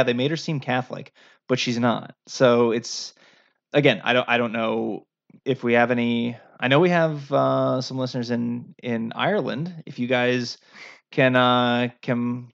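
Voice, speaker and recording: A man with a gravelly, fry-laced voice co-hosts a podcast in a loose, rambling chat. He keeps circling back with fillers and restarts. The recording sounds muffled and lo-fi. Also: mid-range voice. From United States. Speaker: podcast co-host. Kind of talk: casual chat. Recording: dull lo-fi sound.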